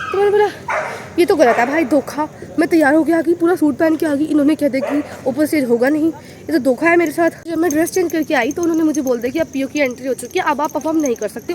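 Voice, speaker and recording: Young woman vlogger from Haryana, high-pitched, lively storyteller, phone-recorded outdoors at night. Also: slight background noise. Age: young adult. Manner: animated, exclaiming storyteller. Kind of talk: casual storytelling vlog.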